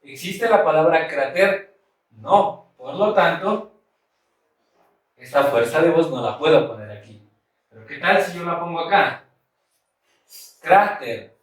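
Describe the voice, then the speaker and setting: A man teaching a grammar lesson at a board, speaking slowly and deliberately and repeating the key points. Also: fairly high pitch, lively intonation. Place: room with a board. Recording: echoey room, mic far off.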